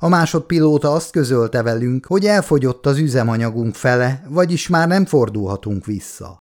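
A calm young woman polar guide, read by a male audiobook narrator explains the dangers with dry patience. Matter-of-fact and unflustered, she barely lifts her voice. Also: mid-range voice, close to an everyday voice. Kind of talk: audiobook character voice.

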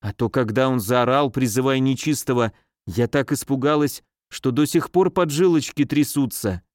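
A man's voice: moderate pace, no echo, studio quality, natural voice. A man reading an audiobook, voicing a fussy, easily frightened middle-aged woman nurse who talks in a mincing, scolding way. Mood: chatty. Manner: mincing, scolding, shrill when scared.

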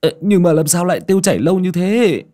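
A man's voice: high-pitched, very animated, fast, mellow, voice pushed up. Audiobook figure: a man playing a panicky, stammering villager, raised and wailing. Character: frightened middle-aged village man.

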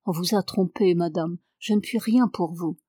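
A woman's voice: lowish voice, fairly even intonation, normal speed, darkish tone, dry recording, studio quality, natural voice. Cold clipped aristocrat guy, restrained and stern, read by a woman. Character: cold aloof male English lord, seer.

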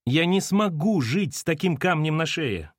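A distraught young woman, her voice pitched high and swinging wide with emotion, as a male narrator puts her on. She snaps back defensively, close and dry on the mic. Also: expressive, a little fast, dry recording, close to an everyday voice. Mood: upset.

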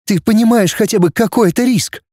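A man's voice: high voice, brisk, dark tone, dry recording, clean studio sound, pitched above the performer's own voice. A man voicing a tense, cool young woman. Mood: anxious. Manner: clipped and cool.

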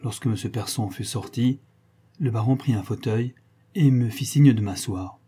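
A man reading a classic novel aloud in measured literary narration. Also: mid-range voice, dark tone, breathy edge. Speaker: audiobook reader.

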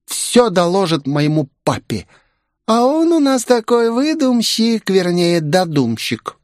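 A man's voice: high-pitched, sing-song, slow, dry recording, clean studio sound, voice pushed up, heavily acted. A man voicing a tipsy, clingy young aristocrat girl in an audiobook, pouty and drunkenly affectionate. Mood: clingy, playful. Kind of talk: audiobook character voice.

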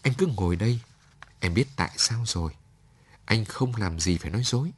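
A man's voice: on the low side, lively intonation, brisk, breathy edge. A man reading a story aloud, voicing a lonely young woman who pleads through tears and then turns firm. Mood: pleading.

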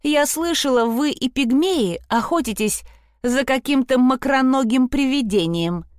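Woman narrator as a snide storybook rival girl, mocking and high-pitched. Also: expressive, a little slow, darkish tone, no room sound, clean studio sound. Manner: sarcastic, sing-song.

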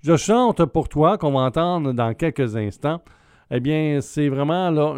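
A man hosting a radio show, presenting an album in an unhurried way with many filler pauses. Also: mid-range voice, a little mellow, smooth, dry recording, studio quality. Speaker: radio host.

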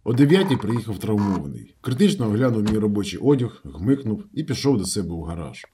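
A man narrating a novel in the first person as an audiobook reader, with steady storytelling. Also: fairly low pitch, fast talker, a little hiss or hum.

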